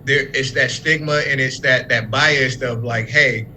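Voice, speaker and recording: Young adult man, interview guest, earnest and explanatory, bright forward tone. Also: mid-range voice, steady tone, measured pace, slight background noise, rough recording. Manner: earnest, speaks in long run-on explanations. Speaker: fatherhood program worker, guest. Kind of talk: casual interview talk.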